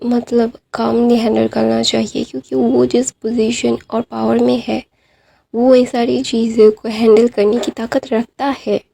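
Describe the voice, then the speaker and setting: A woman's voice: on the high side, little pitch movement, unhurried, vocal fry, mellow. A woman retelling a fan-fiction story in a casual, informal way, with many fillers and restarts.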